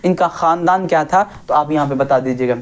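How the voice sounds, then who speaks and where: A woman's voice: sits low, brisk. A woman teaching an online class, repeating key points and asking and answering her own questions while keeping up set phrases to her viewers. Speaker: Urdu teacher.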